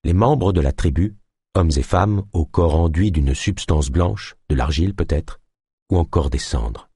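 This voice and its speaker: A man narrating an audiobook in expressive scripted storytelling. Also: low voice, unhurried, breathy edge, no room sound, studio quality.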